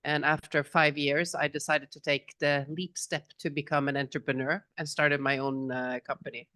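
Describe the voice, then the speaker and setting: A middle-aged woman from Norway, speaking informally on a conference panel about her business group, relaxed and chatty. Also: low-pitched, fast, dry recording, clean studio sound. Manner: relaxed, chatty, with small laughs and restarts. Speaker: business association representative and panelist. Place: conference hall, on stage. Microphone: handheld microphone.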